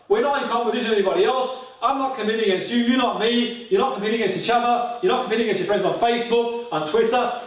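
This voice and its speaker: This goal-setting seminar talk comes from a male motivational speaker from Australia whose voice is high. Rhetorical questions and recurring catchphrases drive his direct address, while the distant mic leaves heavy echo from the room.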